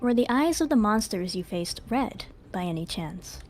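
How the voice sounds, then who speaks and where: 女声扮演沉着正式、精于算计的女特工. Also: female voice, medium pitch, expressive, lightly acted. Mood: calculating. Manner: measured, formal phrasing. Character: formal, composed, calculating woman contractor. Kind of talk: dramatic live read of game dialogue. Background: faint music.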